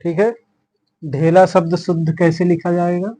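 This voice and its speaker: A man with a Hindi accent from Uttar Pradesh teaches an exam-prep grammar lesson. His voice sits fairly high and he speaks very slowly, going through each word with a steady, patient rhythm. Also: rough recording. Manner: slow, explaining words one by one with repeated "theek hai".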